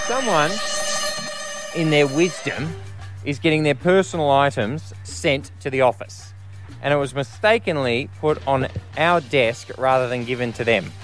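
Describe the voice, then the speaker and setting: A man's voice: medium pitch, a little slow, long pauses, over music. A man co-hosting a radio show, his voice muffled through a face mask as he chats and jokes. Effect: muffled through a face mask, like a blanket over the face. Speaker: radio co-host. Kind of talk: casual radio banter.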